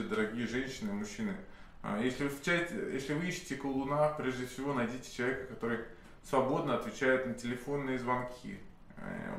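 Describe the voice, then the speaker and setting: A man in his thirties with a slight cold tells a long, unscripted story to camera, rambling with lots of pauses, hesitation sounds and restarts. His voice is medium in pitch and a bit bright. He's a self-styled sorcerer recounting a client's tale in a candlelit indoor office, recorded in a very echoey room with faint hiss.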